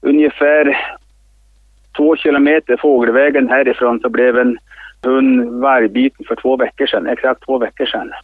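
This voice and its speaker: A man leading a hunt, talking haltingly in a news interview and repeating his words as he searches for them. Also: medium pitch, fairly even intonation, dry recording. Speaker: hunt leader interviewed by phone. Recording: tinny dry phone line.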